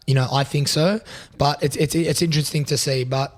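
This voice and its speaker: Hoarse raspy young man, earnest. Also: a little high, fairly even intonation, brisk. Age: 20s. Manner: earnest, reflective, many "you know" fillers. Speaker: podcast co-host. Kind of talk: casual podcast chat.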